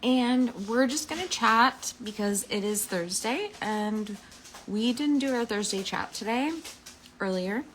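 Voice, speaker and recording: A woman's voice: a little high, slow, slight background noise. A woman from Florida hosting a casual live-stream chat, rambling and chatty with plenty of fillers. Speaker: host.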